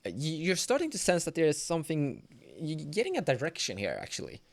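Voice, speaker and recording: A man acts as game master for a tabletop horror game, narrating in slow, halting speech and correcting himself along the way. His voice is fairly high, with huge pitch swings.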